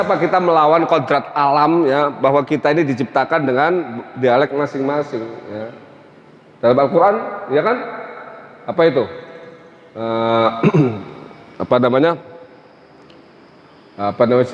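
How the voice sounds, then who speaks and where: A man from Tegal with a Tegal Javanese accent, giving a conversational religious lecture, often tagging phrases with "ya" and "Pak". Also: medium pitch. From Tegal, Central Java. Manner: conversational, many "ya" and "Pak" tags. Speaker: Islamic teacher. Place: mosque hall. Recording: echoey hall, dull sound.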